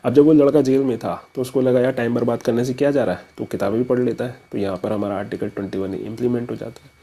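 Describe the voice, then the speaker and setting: A man's voice: medium pitch, fairly even intonation, fast talker, dark tone, husky, rough recording. A man explaining a memory trick as an educator, casual and story-driven, mixing in English terms.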